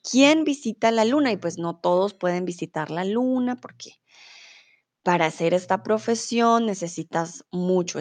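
A woman's voice: lowish voice, a little mellow, no room sound. A woman from teaching Spanish on a live stream, reading viewers' chat aloud and encouraging them patiently. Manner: patient, encouraging, repeats words slowly and switches to English.

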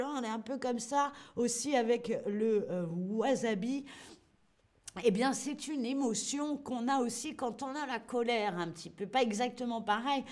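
A woman teaching expressions in a live online lesson, playful and quizzing the viewers. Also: sits high. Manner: lively, playful, asks learners questions and answers chat. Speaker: French teacher.

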